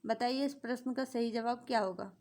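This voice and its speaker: A woman's voice: fairly high pitch, fairly quick, darkish tone. A woman teaching an exam-prep grammar lesson, asking questions and answering them herself, repeating key points. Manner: repetitive, asks and answers her own questions.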